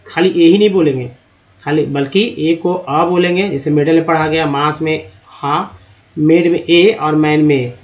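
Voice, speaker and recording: Male English teacher, slightly high voice, slow careful spelling-out, dull lo-fi sound. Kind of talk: explaining a lesson.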